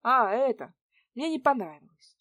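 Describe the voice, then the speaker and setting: A woman voicing a calm, idealistic young woman who answers in a cool, matter-of-fact way. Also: fairly high pitch, normal speed, no room sound, clean studio sound, voice pushed up. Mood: cool, firm.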